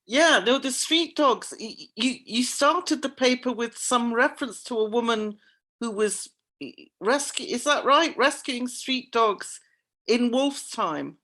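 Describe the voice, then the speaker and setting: A woman chairing an academic panel discussion over a video call. She stammers and repeats words often, and her voice is going hoarse. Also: a little high, animated, a little slow, bright, forceful tone. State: losing her voice.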